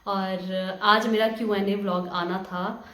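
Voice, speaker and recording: A young woman in her twenties from Himachal Pradesh chats through viewer questions in a relaxed home vlog. Her voice sits at a middle pitch and she talks easily, hesitating often on filler sounds. The room around her is bare and echoey. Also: slow pace. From Himachal Pradesh, India. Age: 20s. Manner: chatty, hesitant with many fillers, laughs at questions. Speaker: vlogger. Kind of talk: casual Q&A vlog.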